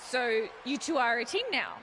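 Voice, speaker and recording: A woman's voice: on the high side, animated, normal speed, sharp tone, a little hiss or hum. A woman voicing a cocky, boastful young wrestler, talking in a smug, mocking way. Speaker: talk show co-host in a wrestling game.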